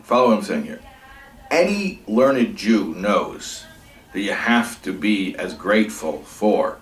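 A man teaching a religious class, lively and thinking aloud, acting out examples as he goes. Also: lowish voice, slow pace. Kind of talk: Torah class lecture. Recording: echoey room, from a distance.

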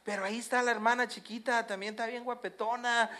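An easygoing older father soothes and coaxes in a soft voice, as a preacher puts him on mid-sermon. He sounds close to the preacher's natural voice, only quieter. It is a brief sketch of a character within a sermon. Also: medium pitch, fairly even intonation, fast, natural voice. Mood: coaxing.

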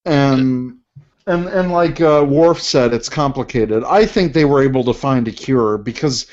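Man, podcast co-host, casual chat, quick reactions, slightly dull recording. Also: medium pitch, darkish tone. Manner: chatty, quick reactions and questions.

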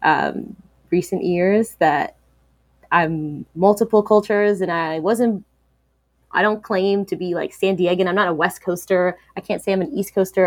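Reflective woman with a low, dry voice. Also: no room sound. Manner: reflective, frequent fillers and restarts. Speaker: interview guest. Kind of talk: candid personal interview.

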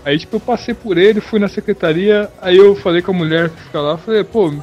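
A man telling a story in casual chat, lively and slangy, laughing along as he goes. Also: high-pitched, fairly quick, lo-fi sound, soft background music. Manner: lively, slangy, laughs through his stories. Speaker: podcast guest, student pilot.

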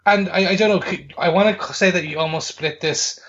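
Bright-voiced man, hesitant podcast chat. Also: high-pitched, a little fast, muffled recording. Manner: hesitant, lots of ums and restarts. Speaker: podcast co-host. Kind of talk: casual film review chat.

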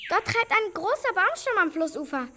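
A woman doing a shrill excited young girl. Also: normal speed. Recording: hissy amateur recording.

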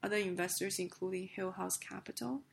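A woman reads business news for a podcast in a hoarse, heavily gravelled voice that sounds under the weather. Her delivery is scripted but halting, at a middling pitch, with faint noise behind her. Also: fairly even intonation. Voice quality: rough, gravelly voice. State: hoarse with a sick, coughing voice.

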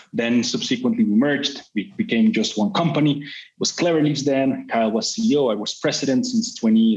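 Middle-aged executive from Colombia, rambling interview answers heavy on fillers, mid-pitched, dull-sounding recording. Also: male voice, darkish tone. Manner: talkative, full of "you know" fillers and restarts. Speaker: company CEO. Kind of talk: business interview. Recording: slightly muffled sound.

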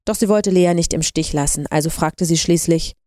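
Mellow woman narrating. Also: on the low side, moderate pace, no room sound, clean studio sound. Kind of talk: audiobook narration.

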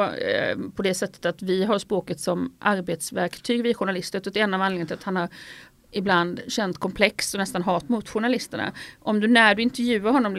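A woman's voice: mid-range voice, creaky, no room sound. A middle-aged woman from Sweden, a sports journalist speaking frankly and animatedly as an interview guest. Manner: forthright and animated, tells anecdotes. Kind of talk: interview conversation.

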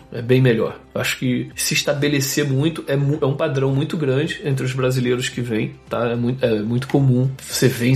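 A Brazilian man speaking Portuguese as a podcast guest, chatting casually in a relaxed, rambling way and often correcting himself mid-sentence. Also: medium pitch, gravelly. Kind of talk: casual interview chat.

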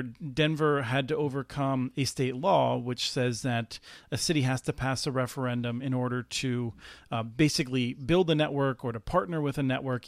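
A man with an average pitch talks policy with eager energy, often restarting his sentences. His voice sounds dry and close, with no room around it. The tone is casual podcast conversation. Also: dry recording. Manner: enthusiastic, many restarts and laughs. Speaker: policy researcher guest.

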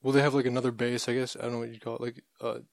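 A man in casual podcast conversation, easygoing and thoughtful, often pausing on fillers as he explains. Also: mid-range voice, level tone, creaky, no room sound, studio quality. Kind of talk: casual chat.

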